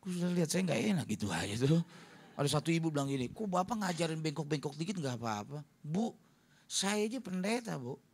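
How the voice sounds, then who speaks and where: A man's voice: fairly high pitch, lively intonation, fast talker, husky. A man preaching a humorous sermon as a pastor, telling stories and acting out what others said. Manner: storytelling, jokey, acts out quotes. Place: church hall.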